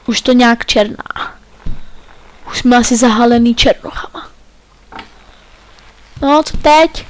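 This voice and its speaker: A man's voice: very high-pitched, a little hiss or hum. A man giving playful, joking commentary while playing a video game. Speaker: let's play gamer.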